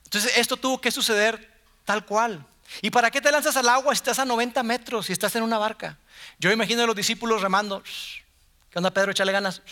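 A man with a Mexican Spanish accent preaching a sermon from a church stage in a conversational way, acting out quotes in softer or louder voices. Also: sits high.

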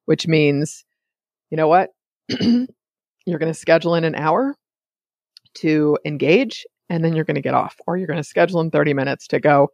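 A woman talks through her solo podcast in a loose, chatty way, drifting off on side notes and pulling herself back. Her voice carries a gravelly fry at the edges, and the recording is dry with no room sound. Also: low-pitched, no echo, muffled recording. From California. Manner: chatty and digressive, often sidetracking herself. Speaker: podcast host. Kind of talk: casual solo podcast monologue.

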